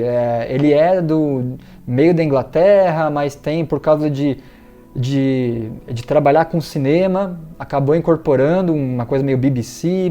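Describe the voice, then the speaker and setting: A man's voice: fairly high pitch, warm tone. A man teaching English in a casual video lesson, chatting with many fillers and reading out viewer comments. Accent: Brazilian Portuguese.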